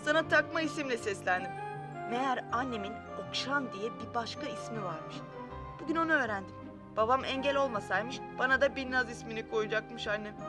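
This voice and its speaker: An actress playing a wry, talkative young daughter. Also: female voice, fairly high pitch, fairly quick, over music, natural voice. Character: bookish, witty young daughter. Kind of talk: TV comedy-drama acting.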